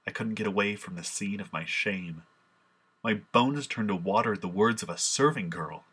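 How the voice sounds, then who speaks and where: A man's voice: low voice, bright, forceful tone, slightly rough, full character voice. A man playing Simon Peter, grieving apostle. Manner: solemn, impassioned recitation. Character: grieving apostle, adult man, remorseful and ashamed. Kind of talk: dramatic first-person monologue.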